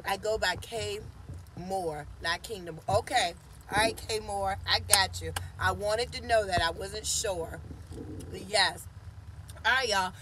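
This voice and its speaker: With background noise behind her, a woman in her forties chats a little slowly in a medium-pitched voice. She's hosting a casual live stream from her parked car on a phone held at arm's length, teasing and greeting viewers by name.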